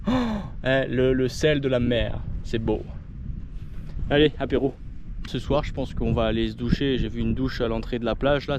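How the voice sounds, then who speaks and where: A man from northern France chatting casually through a travel vlog outdoors, rambling and asking viewers questions. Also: lowish voice. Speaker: travel vlogger. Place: outdoors, ruins and seaside. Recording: noisy outdoor camera audio.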